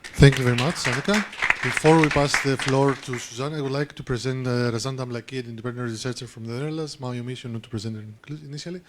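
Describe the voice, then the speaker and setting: A man moderates a conference panel and briskly introduces each speaker. He talks quickly. A faint crowd murmur and light noise sit behind his voice. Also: medium pitch, steady tone.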